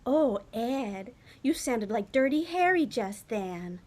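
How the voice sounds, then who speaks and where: A woman's voice: fairly high pitch, expressive, takes it slowly, a little mellow. Grace, read by a woman, a wisecracking secretary. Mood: wry. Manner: dry, wisecracking. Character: sardonic middle-aged female school secretary. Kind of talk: unrehearsed script read-through.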